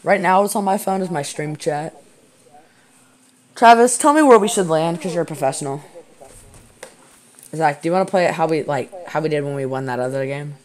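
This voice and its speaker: A teenage boy streaming a video game, chatting in a rambling, excitable way with a friend and his chat. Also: a little high, a little fast, long pauses. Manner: excitable, rambling gamer banter. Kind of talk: casual gaming stream chat. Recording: noisy home gaming stream.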